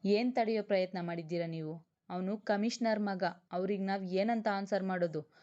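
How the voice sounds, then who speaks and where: A woman's voice: medium pitch, moderate pace, mellow, close to an everyday voice. A woman reading a brusque senior male police officer who scolds his subordinate, on a dull lo-fi recording. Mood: scolding. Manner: brusque and reprimanding.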